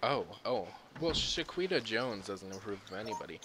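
A man giving casual, jokey gameplay commentary on his own microphone, swearing freely and talking in animated bursts. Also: lowish voice, moderate pace, a crowd in the background. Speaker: gaming commentator. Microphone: own desk microphone.

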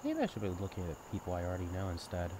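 Racing along in a low voice with huge pitch swings, a young man plays a sibling's best friend in an intimate audio roleplay. He's candid, casual, caring, and teasing, sincere and thoughtful in mood. The noisy background is an outdoor night scene full of chirping crickets and insects.

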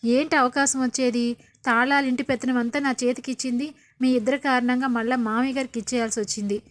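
A woman's voice: high-pitched, fairly even intonation, fast talker, close to an everyday voice. A woman voicing a tearful, self-pitying young daughter-in-law in a retold TV serial scene. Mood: resentful.

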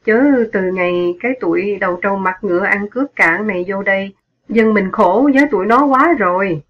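A woman reading aloud as a poor middle-aged father and ex-soldier, his talk turning to mournful wailing. The voice sits at an ordinary middle pitch. The storybook recording sounds dull and lo-fi. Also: brisk, lightly acted. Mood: sorrowful.

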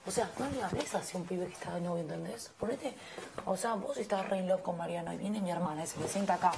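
A young Argentine woman talks fast and heatedly, her low voice full of gravelly fry. She complains with indignant emphasis, caught on a noisy mic with clicks in the background. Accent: Argentine Spanish. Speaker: reality show housemate. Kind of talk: heated gossip chat.

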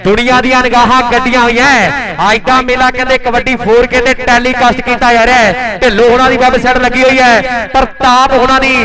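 A man's voice: very high-pitched, level tone, brisk, hardly any pauses, poor audio. A man with a Punjabi accent doing live play-by-play at a kabaddi match, chanting and repeating phrases to rouse spectators. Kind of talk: live play-by-play sports commentary.

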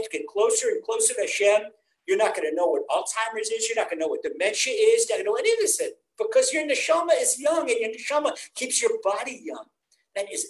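An older man teaching a Torah class from home over a video call, his voice sitting rather high for a man. He preaches earnestly and with energy, acting out the people he quotes. The webcam sound carries a roomy echo. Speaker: rabbi teaching a weekly class.

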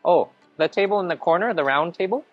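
This food vlogger, a man in his thirties, speaks quickly in a high, expressive voice as he eats his way around a large indoor hotel buffet, narrating each dish to a handheld camera at arm's length. The audio is dull, with faint music behind, in casual vlog style.

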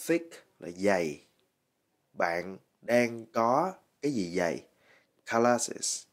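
A man teaching a language lesson, slowly and patiently drilling words with many repetitions. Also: on the low side, sing-song. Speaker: English teacher.

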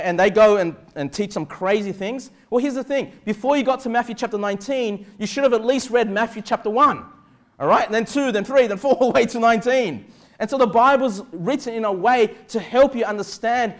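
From a small indoor church pulpit, a middle-aged Australian pastor preaches in a high-pitched voice, emphatic but conversational. He keeps tagging his points to make sure listeners follow, recorded on a clip-on lapel mic.

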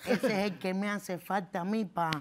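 A woman's voice: medium pitch, moderate pace, a little hiss or hum, natural voice. An actress playing a pushy woman scheming to get more subscribers, speaking. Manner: pushy, excitable.

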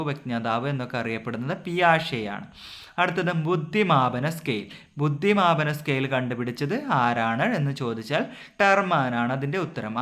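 A male exam tutor runs through his revision points in a steady drill. His voice is bright and forceful. He poses each question and hammers home the answer with repeat after repeat. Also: medium pitch. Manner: asks a question, then repeats the answer several times.

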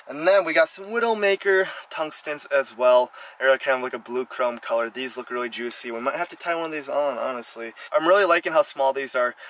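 A young man narrates an ice fishing vlog in a relaxed, chatty way while he handles his gear. His voice sits in an ordinary middle pitch. It is picked up by a camera mic inside a small shelter, with faint noise underneath. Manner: laid-back, chatty, talks while rigging gear. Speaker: fishing channel host. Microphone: camera mic, then head-mounted action camera.

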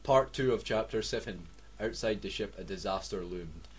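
Reading a poorly written story aloud, a young man from Scotland speaks at normal speed in a lowish, slightly rough voice. He's sarcastic throughout, swearing heavily and stopping to joke about the text.

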